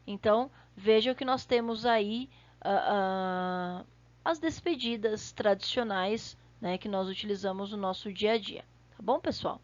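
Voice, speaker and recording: A woman with a Brazilian Portuguese accent teaching Spanish, repeating example phrases slowly and checking in with her class. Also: mid-range voice, no room sound, lo-fi sound. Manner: slow, deliberate, repeats example phrases for pronunciation, checks in often. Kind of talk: online language lesson.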